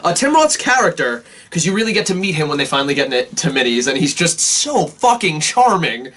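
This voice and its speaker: A man's voice: on the high side, big pitch swings, fairly quick, fairly bright tone. A man co-hosting a film review podcast, talking casually and animatedly, swearing often.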